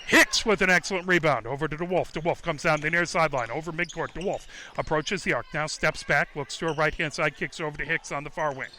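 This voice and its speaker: A man doing live radio play-by-play of a high school basketball game from courtside, in rapid, clipped calls that jump up on made baskets. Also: sharp tone, slight background noise.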